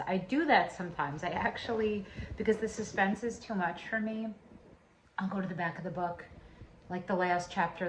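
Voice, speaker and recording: A woman's voice: on the low side, slight background noise. A middle-aged woman talking casually in a video diary about a book she is reading, thinking aloud as she goes. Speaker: vlogger's mother.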